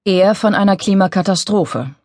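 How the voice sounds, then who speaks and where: A woman reading a contemporary novel as an audiobook, with wry, lively storytelling. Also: medium pitch, moderate pace, no echo, studio quality. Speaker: audiobook narrator. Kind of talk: scripted audiobook narration.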